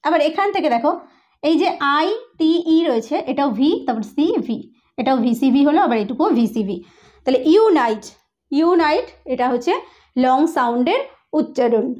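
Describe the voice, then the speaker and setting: A woman with a high voice teaches an English pronunciation lesson. She spells words out letter by letter and breaks each one into its parts. She often pauses to ask whether it is clear. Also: lively intonation, a little mellow. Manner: explains step by step, often checks understanding.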